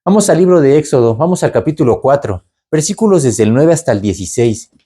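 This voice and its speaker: A man preaching in a loose, conversational way, often tagging his points with "¿verdad?". His voice is mellow and relaxed, never harsh. He lifts his pitch to act out the people in the story he tells. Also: fast talker, slightly rough. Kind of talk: sermon.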